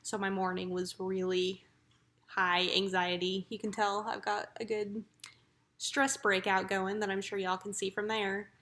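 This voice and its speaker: A woman speaks casually, as if updating viewers on a personal vlog. Her pitch sits in a middle range and stays fairly flat. She sounds matter-of-fact and reflective as she talks. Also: a little slow. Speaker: vlogger.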